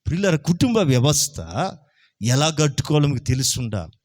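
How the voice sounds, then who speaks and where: A male pastor delivers a Sunday sermon with emphatic force. His voice sits fairly high, and he keeps asking the congregation whether they are listening. He presses each point home. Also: big pitch swings, brisk, darkish tone.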